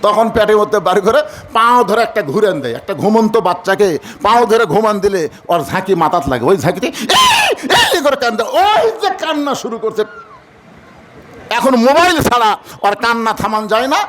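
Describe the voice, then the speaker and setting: A man's voice: high-pitched, quick pace, few pauses, fairly bright tone. A man preaching a sermon, emphatic and calling on the crowd to answer, sometimes breaking into sung verse. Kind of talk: sermon at a religious gathering.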